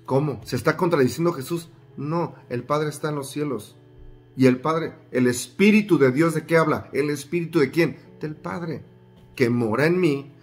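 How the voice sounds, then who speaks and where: A man's voice: a little high, moderate pace, husky, soft background music. A man preaching a sermon, reading scripture aloud, repeating phrases for emphasis and putting questions to his listeners.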